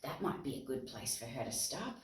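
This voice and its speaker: A very deep, slightly fast voice belongs to an Australian woman presenting storytime for young kids. She reads expressively, asks her audience questions, and explains words in simple ways. Guitar music and roomy echo come through a distant mic.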